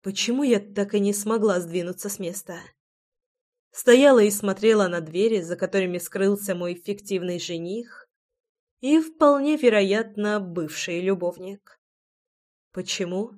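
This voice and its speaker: A woman's voice: medium pitch, a little slow, darkish tone. A woman reading a first-person romance audiobook in an intimate, reflective way. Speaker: audiobook narrator.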